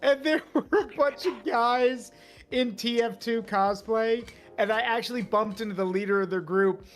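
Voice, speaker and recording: A streamer telling a long story in casual chat, animated and laughing often. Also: mid-range voice, moderate pace. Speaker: streamer guest.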